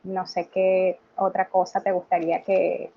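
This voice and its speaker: A woman in her thirties, a graphologist talking as an interview guest in a relaxed, conversational way with many "eh" and "ok" fillers. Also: fairly low pitch, measured pace, highs cut off. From Venezuela. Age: 30s. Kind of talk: casual video-call interview.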